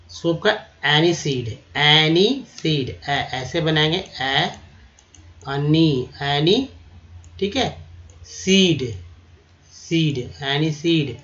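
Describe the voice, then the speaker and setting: A man with a slightly high voice teaches a vocabulary lesson. He takes his time, repeating each word and spelling it out letter by letter. The recording sounds somewhat dull and lo-fi. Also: a bit bright.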